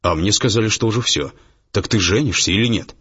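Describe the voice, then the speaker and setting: A man's voice: fairly low pitch, brisk, fairly bright tone, husky, voice pushed up. A man voicing a jovial male business partner who ribs a friend in a hearty, teasing way. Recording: dull lo-fi audiobook, faint music.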